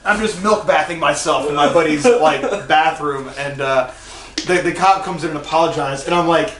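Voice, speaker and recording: A young man co-hosting a podcast, telling a rambling story with lots of swearing and loud acted-out quotes. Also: fairly high pitch, moderate pace, reverberant, distant mic, a little hiss or hum, poor audio. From North Carolina. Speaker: podcast co-host. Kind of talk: casual storytelling.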